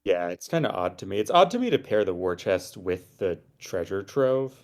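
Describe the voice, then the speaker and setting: A low-pitched man explains the play in a relaxed, analytical way. His commentary is casual, with a dry sense of humor. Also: normal speed. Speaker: game commentator.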